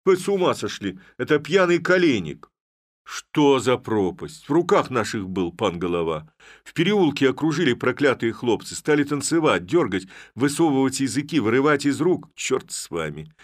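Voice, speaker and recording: A man voicing frightened village watchmen who plead and complain in excited, raised voices. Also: medium pitch, moderate pace, voice pushed up. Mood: agitated pleading.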